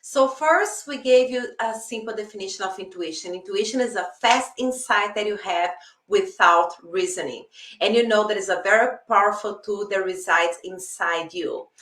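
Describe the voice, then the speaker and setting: A woman life coach talks earnestly in a casual teaching monologue, her carrying a lilt. Her voice is bright and forward, and she now and then acts out her own inner dialogue. She sounds set back from the microphone in a roomy, echoing space. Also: mid-range voice, moderate pace, slight background noise. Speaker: life coach hosting a live stream. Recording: echoey room, voice from a distance.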